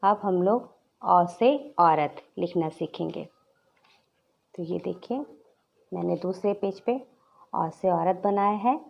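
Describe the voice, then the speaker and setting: A woman teaching a nursery class, speaking slowly and clearly to small children and drawing out each repeated letter. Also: fairly low pitch, dull audio. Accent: Hindi. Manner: drawn-out repetition, stressing each letter.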